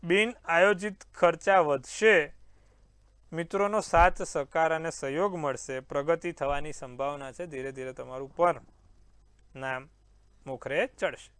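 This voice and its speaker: The astrologer host has a fairly high, fairly bright voice that is clear and resonant, unhurried, with no room sound. He reads daily horoscopes and takes calls, offering confident reassurance and addressing viewers as sir.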